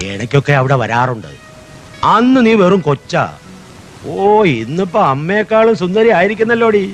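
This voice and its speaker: An actor playing a mocking, leering older police constable who taunts with questions. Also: male voice, high-pitched, sing-song, normal speed, soft background music, rough recording. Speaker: police officer.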